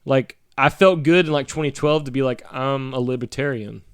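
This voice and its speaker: A man's voice: medium pitch, moderate pace, clean tone, no room sound, clean studio sound. A man from Texas, co-hosting a casual podcast, swearing a lot and rambling with fillers. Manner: profane, rambling with many fillers. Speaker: podcast co-host. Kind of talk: casual crude banter.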